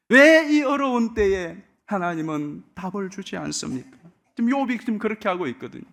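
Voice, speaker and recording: A man delivering a Sunday sermon as senior pastor, speaking from the church. His voice sits fairly high for a man, and he preaches emphatically, dramatizing the story as he goes. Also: a bit bright. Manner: emphatic, dramatic retelling with acted quotes. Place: church sanctuary.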